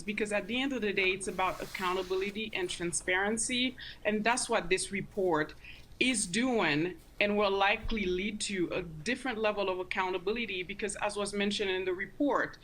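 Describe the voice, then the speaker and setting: A woman's voice: mid-range voice, fairly bright tone, low-quality recording. Earnest woman giving interview commentary. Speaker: interview guest, community advocate.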